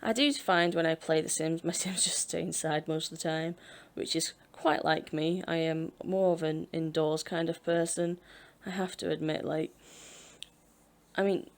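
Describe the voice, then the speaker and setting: A woman with a low voice, fairly even intonation and normal speed chats casually while building in a video game. She's a British Sims speed-build YouTuber in her twenties whose manner is rambling, self-deprecating and full of laughs.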